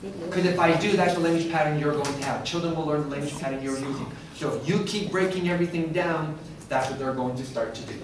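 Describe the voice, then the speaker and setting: A middle-aged man presents a workshop lecture, often turning to the audience with questions. His voice sits a little on the high side. He is recorded from a distance in a very echoey room, with a faint hiss behind him. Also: quick pace, few pauses. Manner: interactive, asks the room questions.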